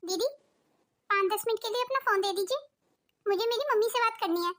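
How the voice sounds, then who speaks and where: A woman's voice: very high voice, fairly quick, fairly bright tone. A woman voicing a homesick young daughter-in-law in a cartoon, pleading and complaining. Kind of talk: cartoon voice acting.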